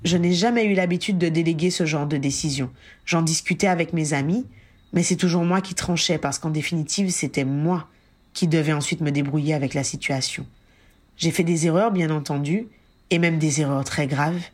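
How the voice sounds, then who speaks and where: A woman's voice: sits low, a little mellow. A woman reading the lines of Harry, a wry and self-mocking grown man, in an audiobook. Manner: dry sarcastic understatement.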